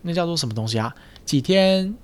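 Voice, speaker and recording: Man explaining voice habits, slightly high. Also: expressive, brisk, smooth. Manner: explains patiently, teasing and joking. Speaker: speech therapist, podcast host. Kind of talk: casual explanatory podcast chat. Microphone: studio mic with headphones.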